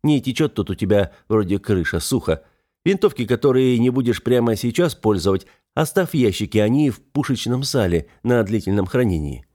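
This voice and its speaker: A man's voice: mid-range voice, lively intonation, a little fast, mellow, close to an everyday voice. A man voicing a wry, practical young male hero, close to his own reading voice. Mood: commanding. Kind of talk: audiobook character voice.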